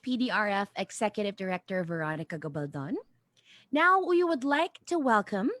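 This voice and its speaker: A woman hosting an online launch event, polite and a little halting. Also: mid-range voice, fairly bright tone, dry recording, clean studio sound. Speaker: event host.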